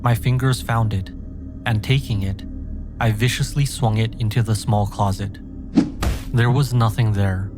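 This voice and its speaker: A man reading a scripted scary story in a measured, dramatic first-person manner. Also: on the low side, fairly even intonation. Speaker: horror story narrator. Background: background music.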